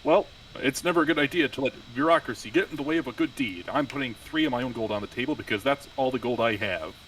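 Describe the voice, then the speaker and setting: A man playing a character in a tabletop role-playing game, talking in a lively, animated way. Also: medium pitch, fast talker, far from the mic, a little hiss or hum, poor audio. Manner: lively, animated, laughs often. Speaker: player.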